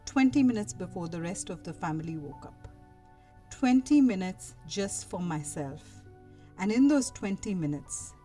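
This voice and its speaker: A woman speaking as a wellness coach, giving a motivational, meditative talk with a deliberate, soothing delivery. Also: lowish voice, a little mellow. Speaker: wellness coach and workshop leader.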